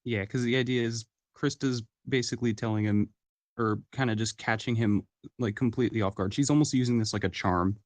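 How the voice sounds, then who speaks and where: A man's voice: mid-range voice, steady tone, brisk. A young man playing in a tabletop game, explaining his plans hesitantly with many fillers. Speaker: player. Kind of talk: casual tabletop game talk.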